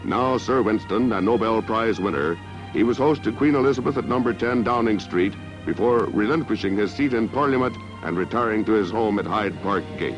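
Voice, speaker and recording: This old 1960s newsreel is narrated by a man with a fairly low voice who speaks a little fast in a stately, declamatory way. The film soundtrack is dull and lo-fi, with music underneath.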